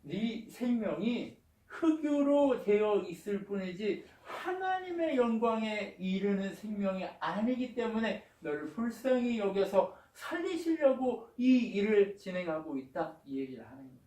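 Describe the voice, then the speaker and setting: In a church sanctuary, a male pastor retells a Bible story as a sermon, voicing the characters' lines and throwing out rhetorical questions. His voice sits fairly high for a man and sounds distant. It is recorded in a reverberant room. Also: sing-song, a little slow, a little mellow. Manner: storytelling, acts out the quotes, asks rhetorical questions. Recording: roomy echo, mic far off.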